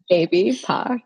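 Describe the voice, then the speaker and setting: A woman's voice: sits high, vocal fry, a little mellow, husky. A woman who writes children's picture books, chatting in an interview with lots of fillers and restarts. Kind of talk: casual interview conversation.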